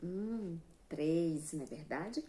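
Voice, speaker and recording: A woman's voice: lowish voice, animated, slow pace, warm tone. A Brazilian woman teaching young children, explaining patiently and spelling out words one syllable at a time. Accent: Brazilian Portuguese. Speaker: primary school teacher. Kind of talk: slow, sing-song online class for young children.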